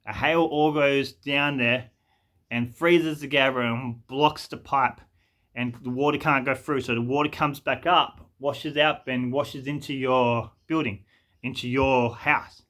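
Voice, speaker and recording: A man's voice: medium pitch, steady tone, measured pace, sharp tone. A man doing a blunt, rude roofer. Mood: dismissive. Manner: blunt and dismissive. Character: curt, rude male roofing tradesman.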